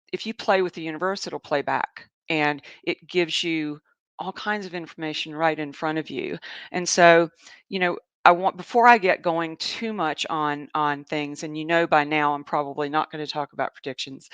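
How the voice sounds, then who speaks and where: Southern woman host, chatty and rambling, crisp bright tone, dry close mic. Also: low-pitched, no echo. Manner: chatty, rambling, laughs often, reads viewer comments. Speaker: host, animal communicator. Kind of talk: casual live show chat. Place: home in Asheville.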